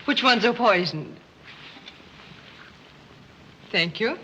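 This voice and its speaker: An actress playing a young, haughty, spoiled society daughter, cutting and sarcastic in 1930s screwball comedy banter. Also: female voice, mid-range voice, animated, normal speed, sharp tone. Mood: needling. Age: young adult. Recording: noisy 1930s film soundtrack.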